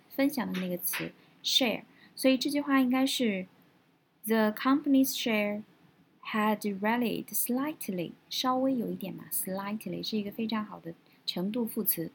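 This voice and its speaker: A woman teaching English vocabulary from a news story, explaining words step by step, spelling them out slowly and repeating them. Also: fairly high pitch, creaky, husky, low-quality recording.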